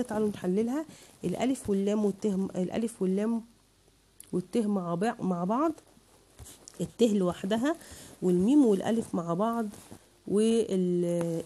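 A woman's voice: medium pitch, warm tone, slight background noise. A woman with an Egyptian accent teaching a children's lesson online, patiently breaking words into syllables for her pupils. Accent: Egyptian Arabic.

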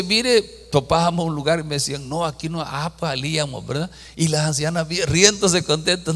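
A man preaching a sermon as pastor, folksy and lively, often asking the congregation to repeat after him. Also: medium pitch, long reverb tail.

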